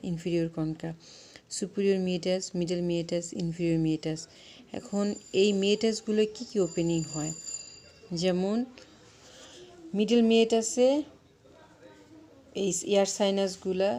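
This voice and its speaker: Female medical lecturer, lowish voice, walks through slides and quizzes herself as she goes. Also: mellow. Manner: explains step by step and asks herself questions. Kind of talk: anatomy lecture over slides.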